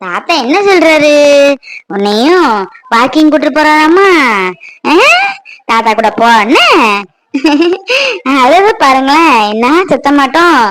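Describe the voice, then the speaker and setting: A woman's voice: high-pitched, expressive, a little slow, pauses often, a bit bright, slight background noise. A woman voicing a doting grandmother who coos and soothes a newborn in a cartoon. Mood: soothing. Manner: cooing, soothing.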